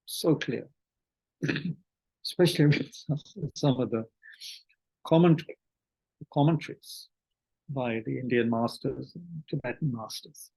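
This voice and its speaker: Reading questions from the chat during an online Buddhist meditation class, a man speaks haltingly, full of fillers, false starts, and throat-clearing. He has a warm, mid-range voice, but the audio is poor.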